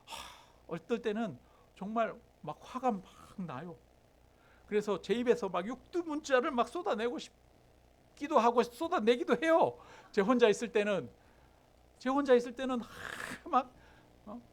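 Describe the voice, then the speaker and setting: A man's voice: extremely high pitch, animated, a little slow. A middle-aged man preaching a sermon as pastor, questioning the congregation and acting out heated prayers. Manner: asks the congregation questions, acts out angry prayers.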